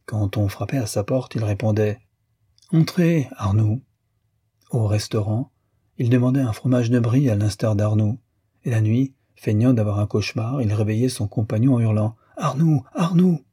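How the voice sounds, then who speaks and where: Male audiobook narrator, measured literary reading, low husky voice. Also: steady tone, warm tone, dry recording, studio quality.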